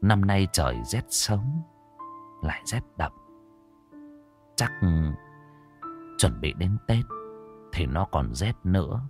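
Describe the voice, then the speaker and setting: A man narrating a sad story in an expressive, slow, dramatic way. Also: low-pitched, soft background music.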